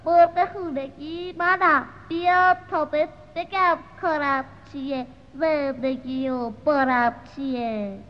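A woman's voice: high voice, fairly even intonation, hardly any pauses, close to an everyday voice. A woman voicing a bustling, motherly hen who clucks and sings in a children's story. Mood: clucking, bossy. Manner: clucking, sing-song. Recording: dull lo-fi audio with music.

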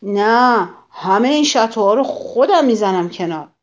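Cranky little ladybug for a kids' story, put on by a woman: gruff, loud, blustering, rushed. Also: on the low side, big pitch swings, highs cut off. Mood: grumpy. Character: grumpy quarrelsome ladybug, small, boastful.

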